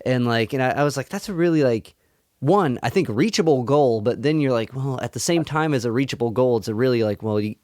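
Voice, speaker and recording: A man hosting an interview, talking in an enthusiastic, halting way with many fillers. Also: mid-range voice, lively intonation, a little mellow, no echo, clean studio sound. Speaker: interview host. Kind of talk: casual interview.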